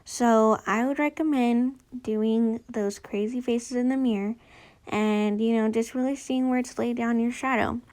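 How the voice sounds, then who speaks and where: A woman's voice: a little high, fairly even intonation, measured pace, darkish tone, poor audio. A woman with a noticeable lisp from a retainer, narrating a makeup tutorial in a casual, chatty, informal way. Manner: chatty, informal, girlfriend-to-viewer talk.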